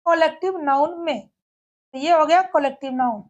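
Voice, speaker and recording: A woman teaching an English grammar lesson, explaining each word step by step in a steady, methodical way and asking rhetorical questions. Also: sits high, a little slow, muffled recording.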